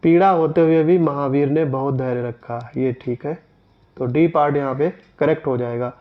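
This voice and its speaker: Male teacher, methodical, explains test answers, slightly high voice, dull lo-fi sound. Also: steady tone, normal speed. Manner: methodical, repeats sentences then corrects them. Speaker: exam coaching teacher.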